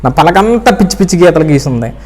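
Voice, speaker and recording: A man's voice: on the high side, animated, fast talker. A middle-aged man telling his personal faith testimony in an earnest storytelling manner. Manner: earnest storytelling, re-enacting pleading prayers. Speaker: church member giving testimony.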